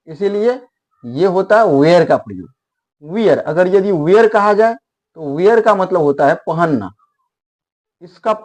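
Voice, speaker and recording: A male teacher with a fairly high voice explains grammar at a very slow, patient pace. He repeats each word several times, drilling pronunciations as if for a classroom of beginners. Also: a little mellow. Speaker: English teacher.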